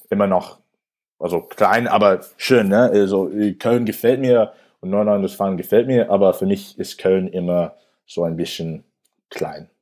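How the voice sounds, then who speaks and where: In a relaxed interview, a fairly low-voiced young man from New York talks in German, his second language after English, with an American accent. His speech is hesitant, full of restarts and "äh" fillers.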